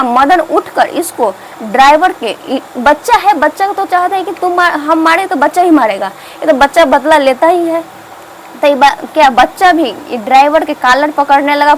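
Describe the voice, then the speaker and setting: Brief: female tutor, high voice, repeats and quizzes herself while retelling a story. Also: slight background noise, poor audio. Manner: repetitive, asks and answers its own questions. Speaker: teacher. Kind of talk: explaining a story to students.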